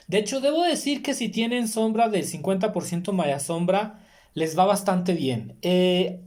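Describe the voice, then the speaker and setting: A man's voice: high voice, a little mellow. A man chatting casually in a gardening vlog, friendly and talkative, often stopping to correct himself mid-word. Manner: friendly, chatty, self-correcting with small slips. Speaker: succulent grower vlogger.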